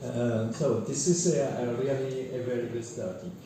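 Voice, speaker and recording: Hesitant man speaking in a booming hall. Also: steady tone, normal speed. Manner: hesitant, frequent fillers and restarts. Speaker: invited conference speaker. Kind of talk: formal opening remarks. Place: large echoey conference hall. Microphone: distant from the microphone. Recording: echoey hall from far off, background noise.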